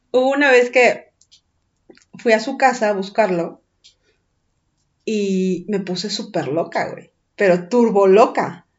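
A woman with a Mexican accent tells a personal story in casual chat, animated and full of slang and swearing. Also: medium pitch, takes it slowly, pauses often, dull audio.

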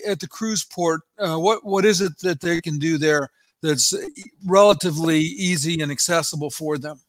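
A man hosting an interview, asking polite questions in a halting way, with fillers. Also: on the high side, dry recording. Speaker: host, interviewer.

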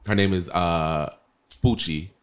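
A man co-hosting a casual chat, joking and musing in a relaxed, drawn-out way. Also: sits low, clean tone. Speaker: podcast co-host.

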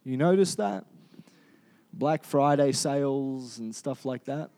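A man's voice: medium pitch, slow pace, mellow. A man with an Australian accent preaching a conversational sermon, asking the congregation questions and often restarting his sentences. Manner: chatty, asks the congregation questions, many fillers and restarts.

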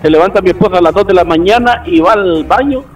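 A man co-hosting a radio chat, animated and laughing as he tells stories and acts out quoted voices. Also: high-pitched, quick pace, distant mic, poor audio. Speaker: radio show co-host. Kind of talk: casual storytelling chat. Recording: voice a bit off the mic with faint music.

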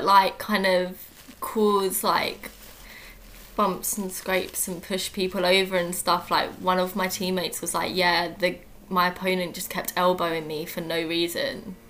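A woman's voice: fairly low pitch, steady tone, a little slow, pushed and bright. A young adult woman co-hosting a podcast, chatting casually with lots of fillers and frequent laughs. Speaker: podcast co-host. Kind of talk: casual chat.

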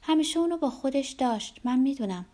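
A woman's voice: sits high, expressive, mellow, voice pushed up. A woman reading aloud, voicing a curious, suspicious young woman who asks pointed questions. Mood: accusing.

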